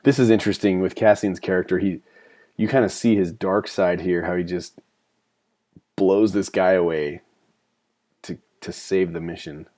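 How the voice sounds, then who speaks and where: A man's voice: low-pitched, fairly even intonation, normal speed, long pauses, warm tone. A man talking casually and enthusiastically as he comments on a film while watching it, with frequent fillers. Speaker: movie commentary host.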